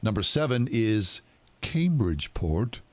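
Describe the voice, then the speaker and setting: A man co-hosting casual radio talk, reading out items with deliberate emphasis. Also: lowish voice, sing-song, darkish tone, no room sound. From Pittsburgh area, USA. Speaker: radio co-host.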